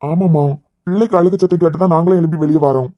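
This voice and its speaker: Stern cartoon elder voiced by a woman, quick curt delivery, dry close sound, Kanyakumari accent. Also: fairly low pitch, no room sound, highs cut off, natural voice. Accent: Kanyakumari Tamil. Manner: curt, telling others to shut up. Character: protective elder of the family, stern. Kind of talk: cartoon serial voice acting.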